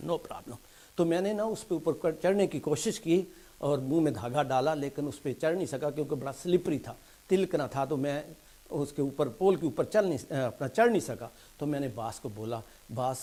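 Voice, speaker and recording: A stand-up comedian telling jokes as short stories, mixing in English punchlines and dropping his voice low and soft for quoted replies. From England. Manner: storytelling in Urdu mixed with English punchlines; soft, low asides when quoting characters.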